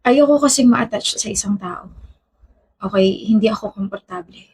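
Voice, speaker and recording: A woman's voice: medium pitch, moderate pace, darkish tone, husky. An actress playing a reserved, blunt young woman who talks in a curt, dry way in a romantic series. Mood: guarded. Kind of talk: scripted romantic series acting.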